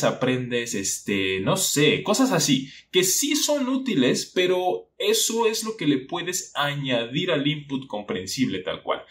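A man's voice: mid-range voice, a bit bright. A young man giving a casual spoken lesson, talking to the viewer with lots of questions. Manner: conversational, asks the viewer questions, acts out a teacher. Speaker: language-learning YouTuber. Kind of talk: casual explanatory monologue.

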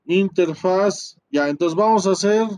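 A man walks through a networking tutorial at his computer. His voice sits a little high and he speaks slowly, pausing often. He thinks aloud, mutters to himself and keeps checking in with tag questions. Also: a little mellow, smooth. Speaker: networking instructor. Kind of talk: screen-recorded tutorial.

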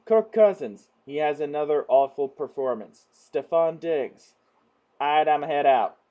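A man's voice: on the high side, expressive, unhurried, narrow, tinny audio. Rowdy, swearing man reacting to memes. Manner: loud, laughs often, swears freely, jumps from mumbling to yelling. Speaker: meme reviewer. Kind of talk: casual meme commentary vlog.

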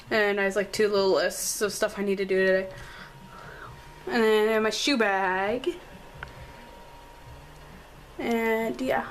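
A teenage girl, hoarse from a cold, chatting apologetically with lots of fillers as she films a tour of her bedroom. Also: a little high, a little hiss or hum, poor audio. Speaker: vlogger. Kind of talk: casual room tour vlog. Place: bedroom at home.

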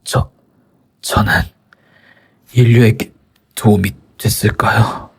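Man acting a raspy, fading dying soldier. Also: on the low side, fairly even intonation, slow pace, heavily acted. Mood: weak, pleading. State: weak, gasping, fading. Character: dying young male soldier, humble and fearful. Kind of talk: anime dub acting.

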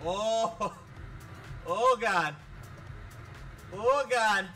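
Excitable high-voiced male streamer. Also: drawn-out words, soft background music. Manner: excitable, swears a lot, laughs at himself. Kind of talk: live-streamed gameplay commentary.

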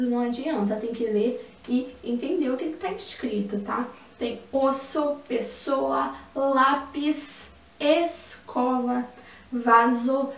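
Woman teacher, high voice, sing-song for young kids, recorded at a distance in a roomy space. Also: darkish tone. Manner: sing-song, slow and emphatic on key words, with diminutives. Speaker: primary school teacher. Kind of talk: recorded online lesson for young children. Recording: echoey room, mic at a distance, faint ambient noise.

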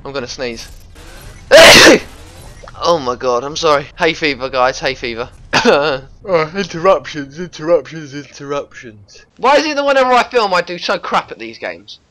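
A young man commentates a video game in a bright, slightly high voice. He rambles and stammers through his thoughts, then erupts into panicked yelling when things go wrong. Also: big pitch swings, moderate pace, no echo, poor audio. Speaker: gaming commentator. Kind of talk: casual gameplay commentary.

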